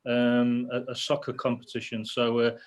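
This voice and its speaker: A man's voice: mid-range voice, monotone, moderate pace. A man from Nottingham with an English East Midlands accent, telling an easygoing story on a video call. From Nottingham, England. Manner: easygoing storyteller, playful with the group. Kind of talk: casual video call chat.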